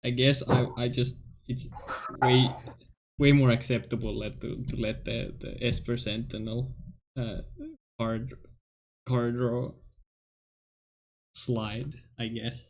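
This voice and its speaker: A man's voice: mid-range voice, level tone, takes it slowly, a little hiss or hum. A man hosting a casual card game stream, chatty and joking, laughing often. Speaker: stream host. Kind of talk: casual gaming chat.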